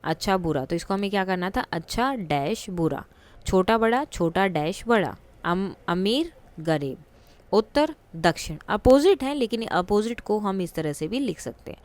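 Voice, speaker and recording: A woman's voice: medium pitch, lively intonation, normal speed. A woman teaching a school textbook lesson, explaining patiently step by step with examples and questions to the class.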